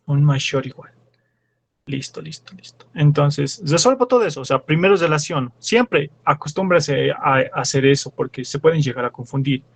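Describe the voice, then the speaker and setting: A man's voice: fairly high pitch, lively intonation, moderate pace, vocal fry. A young man with a Bolivian Spanish accent, a teaching assistant working through problems step by step in class and quizzing his students. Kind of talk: classroom lecture.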